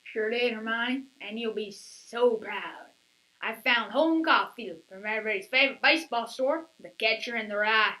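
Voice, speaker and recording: A woman's voice: on the high side, normal speed, bright, forceful tone, poor audio. A woman playing a folksy young country boy. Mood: eager. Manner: folksy, eager. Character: cheerful country boy news anchor, naive.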